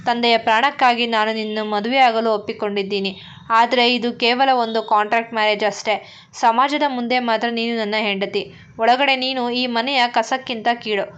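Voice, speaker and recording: A woman voicing a cruel, furious young rich man who shouts scornful threats. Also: on the high side, fairly even intonation, moderate pace, smooth, muffled recording, close to an everyday voice.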